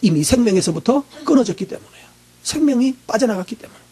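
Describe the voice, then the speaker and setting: A male pastor preaching a sermon, asking the congregation questions and answering them himself, often clearing his throat. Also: very high voice, lively intonation, fast, warm tone.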